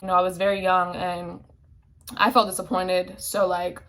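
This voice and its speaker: A woman's voice: lowish voice, level tone, moderate pace, fairly bright tone. A woman in her twenties talking candidly in a casual vlog, with lots of fillers and swearing, emotional and near tears. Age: 20s. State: emotional, tearful at times. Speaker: vlogger.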